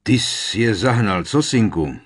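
A man voicing a blustering, bullying middle-aged uncle who barks and gloats loudly in an audiobook. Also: sits low, expressive. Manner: loud, barking and gloating. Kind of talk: audiobook character reading.

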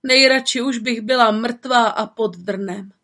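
A woman's voice: on the high side, a bit bright, voice pushed up. A woman voicing a sad, weary shingle-maker's wife in a storybook reading, sighing and mournful.

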